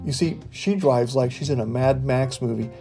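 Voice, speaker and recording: An older man from the US talks through a casual monologue in a relaxed, mellow voice. He tells his stories in a folksy, wry way. Quiet guitar music plays behind him. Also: medium pitch, normal speed, creaky. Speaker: podcast host. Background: faint guitar music.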